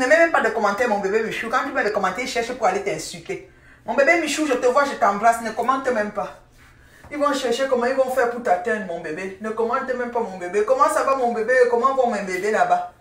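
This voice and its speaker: A woman's voice: on the high side, far from the mic. Chatty older woman, roomy off-mic sound. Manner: chatty and affectionate, repeats pet names, laughs often. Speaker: live-stream host. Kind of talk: casual live-stream chat with viewers. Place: at home, indoors.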